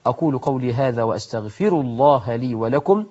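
A male preacher with an Egyptian Arabic accent, giving a sermon full of acted-out dialogue and swings between loud and hushed. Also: mid-range voice, expressive, brisk, breathy edge. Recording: dull lo-fi recording.

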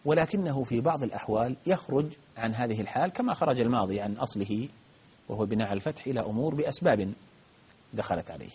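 A man gives a grammar lesson in a rough, husky voice. He talks quickly and patiently, working through each point with frequent restarts and hesitations. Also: mid-range voice, expressive, darkish tone. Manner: patient, explains step by step with many restarts and fillers. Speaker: Arabic grammar teacher. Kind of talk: live grammar lesson with questions.

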